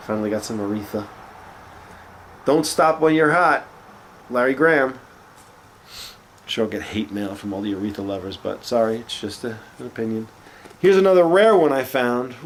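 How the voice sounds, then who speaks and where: A sniffling man with a cold and a medium-pitched, slightly nasal voice chats casually while presenting records from his collection. He's relaxed and talkative, dropping frequent fillers, with slight background noise present.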